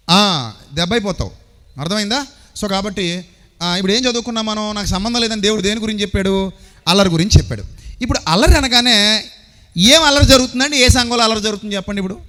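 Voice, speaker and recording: A man delivers a lively sermon in a somewhat high voice, firing rhetorical questions at his listeners. He slips into other people's voices with sudden leaps and drops in pitch. A long hall reverb trails behind every phrase. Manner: animated, rhetorical questions to the congregation. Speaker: preacher. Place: church or seminar hall.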